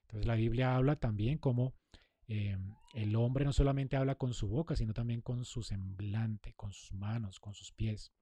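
A man's voice: medium pitch, normal speed, dark tone, no echo. A man giving a conversational sermon, acting out sample replies to a spouse. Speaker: preacher. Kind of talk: sermon on marriage communication.

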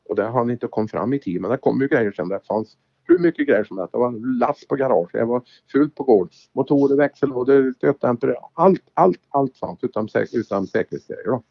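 In a dull, lo-fi recording, a man with a fairly low, slightly rough voice and some vocal fry tells rally anecdotes. He's a former rally driver chatting casually and playing out the exchanges he recounts.

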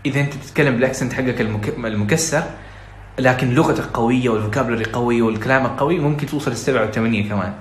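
A man's voice: medium pitch, very fast, echoey room, a little hiss or hum. A Saudi man with a Saudi Arabic accent giving earnest, pleading advice on a podcast, dropping English phrases into his talk.

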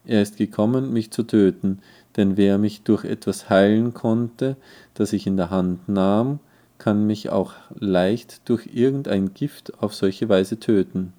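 A man's voice: fairly low pitch, measured pace, mellow, natural voice. A man reading the part of a suspicious, angry king who speaks in a wrathful, emphatic way.

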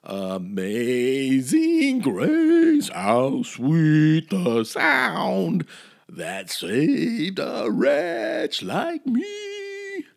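A man imitating a young woman who belts out a hymn loudly, dragging the notes and missing every one. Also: high-pitched, gravelly, pitched above the performer's own voice, full character voice. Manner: off-key, drawn-out, hollering. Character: young woman croaking a hymn tunelessly, loud.

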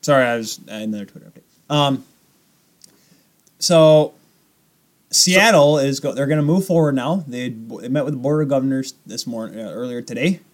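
A man's voice: mid-range voice, moderate pace. A man co-hosting a podcast with casual, rambling, jokey sports banter. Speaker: podcast co-host.

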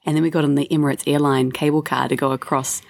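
On a studio-quality recording with no room sound, a podcast co-host shares travel stories in a casual chat. She's a fast talker with a low voice, a flat delivery, and vocal fry, chatting easily and laughing, with plenty of fillers.

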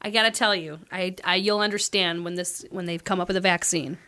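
A woman co-hosting a casual chat, talking in an animated, chatty way. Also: lowish voice, brisk. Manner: chatty, animated, laughs often.

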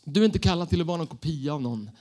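A man in his thirties preaching a sermon, telling self-mocking stories in an animated way. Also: a little high.

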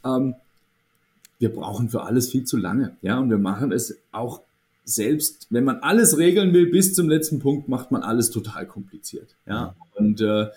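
A man's voice: mid-range voice, expressive, normal speed, a little mellow. A man speaking as an association's managing director in a podcast interview, thoughtful and hesitant, with many fillers and restarts.

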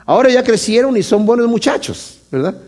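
A man's voice: very high-pitched, sing-song, a little fast, darkish tone. A man, a pastor, preaching a conversational sermon and often checking in with his listeners. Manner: conversational preaching with frequent tag questions.

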